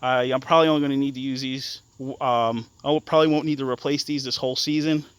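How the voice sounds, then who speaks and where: A young man explains the modified parts on his off-road ATV in a stop-start, um-filled way, restarting often and swearing bluntly as he goes. He has a smooth, clear, steady mid-range voice, and the recording is dry, without room echo.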